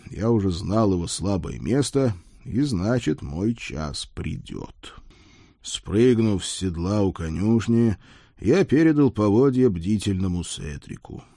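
A man's voice: sits low, gravelly, mellow, no room sound, studio quality. A man narrating a fantasy audiobook in the first person with a wry, ironic manner.

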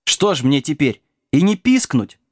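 A man's voice: on the high side, big pitch swings, a little slow, no echo, studio quality, voice pushed up. A man voicing a cheeky, talkative male lapdog who squeals and whines, in an audiobook reading. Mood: whining. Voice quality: squealing, raised voice. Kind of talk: audiobook character voice.

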